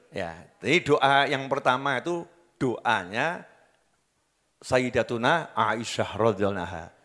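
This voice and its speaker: In a large hall, a man from Java, Indonesia, with a Javanese accent delivers a jokey sermon, asking his audience questions and slipping in local dialect. His voice is medium-pitched with a fairly bright tone.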